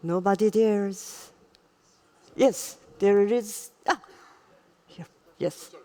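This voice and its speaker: A woman's voice: mid-range voice, very slow, mellow. A woman moderates a live conference session, playfully coaxing the audience to take part. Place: large indoor conference hall.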